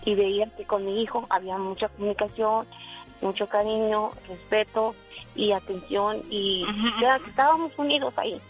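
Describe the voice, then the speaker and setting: A woman's voice: mid-range voice, normal speed, faint music behind. A woman in her forties calling into a radio show, telling a personal story at length and quoting the lines of the people in it. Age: 40s. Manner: rambling storytelling, quoting dialogue. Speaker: caller. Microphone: telephone. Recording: dull phone line.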